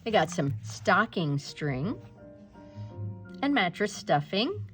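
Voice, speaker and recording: A woman reading a children's picture book aloud in an expressive, animated way, with asides to young listeners. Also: medium pitch, takes it slowly, faint music behind. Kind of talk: expressive read-aloud narration.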